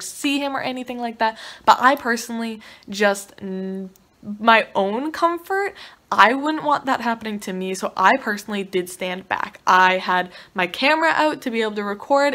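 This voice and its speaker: A young woman vlogger telling a story in a casual, excited way, swearing freely. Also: medium pitch. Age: young adult.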